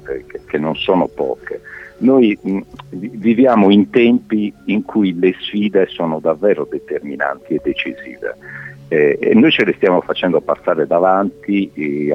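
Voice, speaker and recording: A deep-voiced middle-aged man talks over a landline phone, his voice dulled and lo-fi on the line. He is a mayor answering questions in a live radio interview. He speaks earnestly and deliberately, with hesitations and restarts. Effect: heard over a landline phone.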